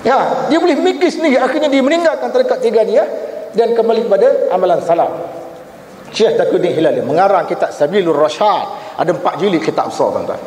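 A man's voice: high voice, fast talker. A Malaysian man giving a religious seminar lecture, telling stories with acted-out quoted voices and often addressing the audience directly. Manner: animated storytelling, acts out quoted voices, addresses audience as tuan-tuan. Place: seminar hall. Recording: echoey hall, faint room noise.

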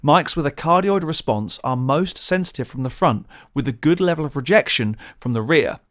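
A man's voice: on the high side, lively intonation, moderate pace. Man explaining audio gear. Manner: clear, methodical explaining. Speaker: presenter of a gear channel. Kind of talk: scripted tutorial narration. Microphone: studio condenser mic, close.

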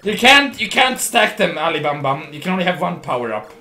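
Very animated and a little fast, a young man from Sweden with a strong accent gives drunken, rambling game commentary on his livestream, giggly and slurring with restarted words. His a-little-high voice is bright and forceful but turning hoarse, with faint music behind.

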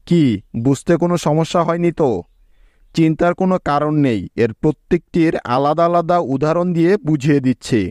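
A man teaching English pronunciation in a slow, step-by-step lesson, spelling out words letter by letter and checking often that the listener follows. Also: a little high, a little mellow, no echo, studio quality.

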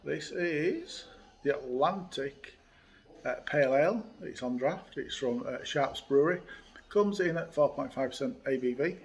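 A man's voice: medium pitch, measured pace. A man, hosting a casual beer review and chatting easily with many fillers, recorded close on a phone or webcam indoors by a window. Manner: chatty, relaxed, frequent uh fillers. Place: indoors by a window in a hotel room.

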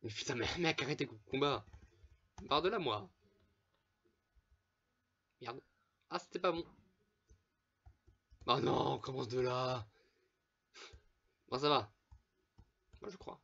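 A man gives loose, chatty commentary while he plays, swearing freely and laughing between remarks. His voice sits at an ordinary middle pitch. The recording is a bit dull and lo-fi, with mouse clicks in the background. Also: creaky, sharp tone, breathy edge. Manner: swears often, laughs, chatty asides to viewers. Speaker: gameplay commentator. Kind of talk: casual let's play commentary.

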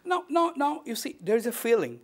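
A man's voice: very high voice, big pitch swings, a little fast. A middle-aged man with an educated Indian accent, questioning formally and courteously as a television talk show host. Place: indoor office set.

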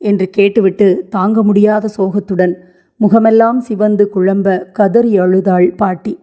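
A woman reads a literary short story aloud at a measured, expressive pace. Her voice is warm and mellow, with a pitch at a woman's middle height. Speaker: story narrator.

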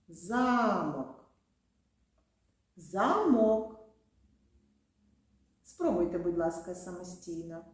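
Woman, kindergarten teacher from Ukraine, lively melodic delivery, warm low-key tone. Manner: slow, sing-song, stressing syllables. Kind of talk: children's lesson. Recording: very echoey room.

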